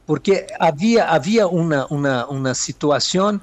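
A man's voice: on the high side, animated, normal speed, dry recording. A man from Minas Gerais with a Mineiro Brazilian accent, answering interview questions hesitantly, with many fillers and Spanish words mixed in. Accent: Mineiro Brazilian Portuguese. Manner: mixes Spanish words into Portuguese. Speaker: political analyst guest.

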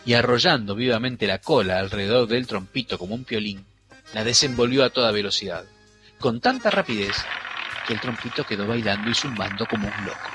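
A man narrating a children's fable in an expressive, dramatic storybook reading. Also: lowish voice, a little fast. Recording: faint music behind.

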